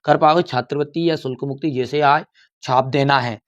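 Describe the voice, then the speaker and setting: A man's voice: medium pitch, fairly even intonation, brisk. A man teaching an exam-prep lesson, coaxing his students, repeating phrases and calling them "beta". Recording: dull lo-fi recording.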